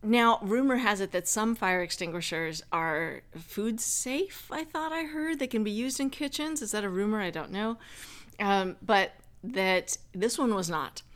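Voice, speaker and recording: A woman's voice: mid-range voice, measured pace, fairly bright tone. Chatty wry woman telling a story. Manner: chatty, wry, with asides and fillers. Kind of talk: personal anecdote told casually.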